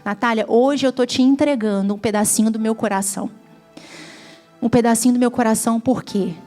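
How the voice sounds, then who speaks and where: A woman's voice: on the high side, fairly even intonation, brisk, mellow, faint music behind. A woman from Brazil with a Brazilian Portuguese accent, giving a heartfelt testimony sermon at a church gathering that rises to fervent emphasis. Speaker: guest preacher.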